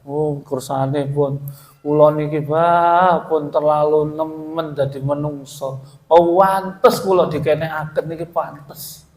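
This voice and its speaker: A man's voice: on the high side, steady tone, slow, darkish tone. A male preacher voicing a remorseful, paralyzed former thug with a Javanese accent, pleading and confessional. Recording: echoey hall.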